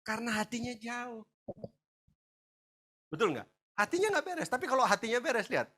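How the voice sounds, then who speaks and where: Animated high-voiced pastor. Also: male voice, normal speed. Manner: animated storytelling, acts out quoted voices, shouts and laughs. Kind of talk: lively conversational sermon.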